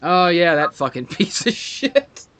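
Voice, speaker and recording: A man's voice: high-pitched, very animated, unhurried, a bit bright. A man hosting a podcast, ranting in a profane, sarcastic and mock-arrogant way in casual chat. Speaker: podcast host.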